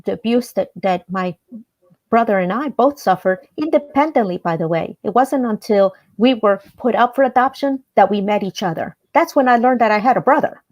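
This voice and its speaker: On a radio interview, a woman from El Salvador shares her life story with earnest, measured delivery and occasional hesitation. Her voice is a little high.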